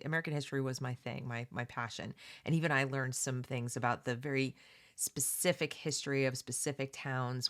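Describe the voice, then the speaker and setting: Alternating passages read aloud with casual, opinionated remarks, a woman hosts a read-along and addresses listeners directly in an emphatic, conversational manner. She has a low-pitched, slightly bright voice.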